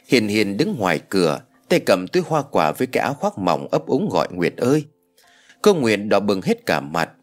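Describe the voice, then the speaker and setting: Expressive low-voiced male storyteller. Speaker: narrator. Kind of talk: audio story narration. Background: soft background music.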